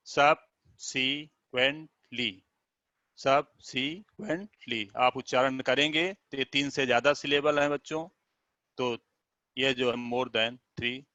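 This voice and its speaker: A man teaches children in an unhurried, deliberate way, saying each word more than once and spelling it letter by letter. His voice is bright and the room sounds dry. The recording is dull and lo-fi. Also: mid-range voice, no echo. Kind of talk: classroom video lesson.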